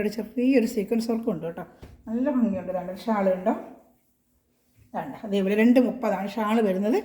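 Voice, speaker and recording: A quick-talking woman from Kerala shows off clothes in a casual home selling video. Her voice is mellow and rings in an echoey room. She pushes her volume up and keeps checking that viewers are following. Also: mid-range voice. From Kerala, India. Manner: chatty, reassuring, repeats tag questions; speaks as loudly as she can. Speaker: online clothing seller. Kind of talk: casual product showcase.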